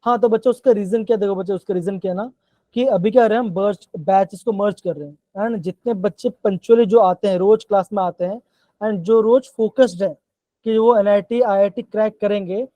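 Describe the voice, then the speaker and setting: A man's voice: high voice, brisk, no room sound, lo-fi sound. A man teaching a live online chemistry class, coaxing students with repeated check-ins. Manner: coaxing, repeats "bachchon" and "theek hai". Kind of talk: live online class in Hindi-English mix.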